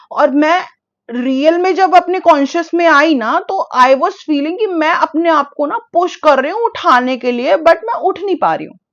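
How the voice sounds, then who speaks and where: A young woman vlogger telling a storytime in a casual, animated way, mixing Hindi and English with lots of fillers. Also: very high voice. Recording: dull lo-fi audio.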